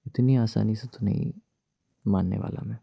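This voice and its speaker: A man voicing a young husband married to his ex, gruff but tender, in a hushed, soothing, teasing whispered role-play. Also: lowish voice, steady tone, moderate pace, dry recording, exaggerated voice.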